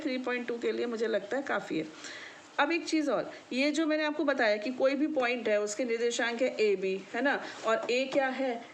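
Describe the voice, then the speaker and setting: A woman with a slightly high voice teaches a maths lesson patiently in class, with a little hiss or hum on the recording. She often checks whether her students understand and affectionately calls them child.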